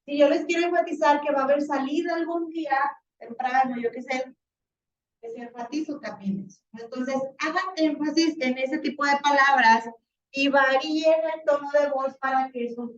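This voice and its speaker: A woman teacher, slightly hoarse, lecturing a class in a chatty, animated way with many fillers. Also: high voice, normal speed. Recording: roomy, distant, dull classroom recording.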